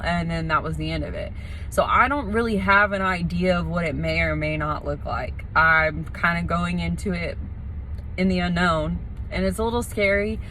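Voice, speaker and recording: Casting: female vlogger, slightly low voice, informal rambling explanations, recorded with some background noise. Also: fairly bright tone. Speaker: vlogger preparing for nose surgery. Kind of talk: casual vlog chat.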